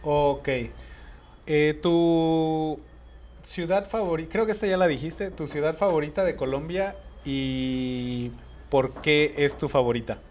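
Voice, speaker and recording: A male podcast host with a slightly high-pitched voice. He asks his guest questions in a relaxed, chatty way. He keeps turning to address his listeners directly. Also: slow pace, a little hiss or hum. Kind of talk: casual interview.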